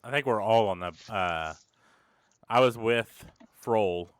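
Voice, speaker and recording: A man's voice: lowish voice, slow, clear, resonant tone. A man playing a tabletop game, chatting in an easygoing way and hesitating with fillers. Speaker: player. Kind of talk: casual tabletop game chat. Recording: clean, dry close mic.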